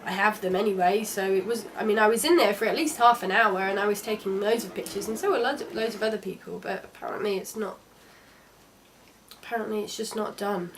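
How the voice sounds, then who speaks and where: A woman's voice: mid-range voice, steady tone, a little fast, slight background noise. Chatty young woman. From London. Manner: chatty and candid, with frequent restarts. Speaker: travel vlogger. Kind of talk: casual travel vlog narration.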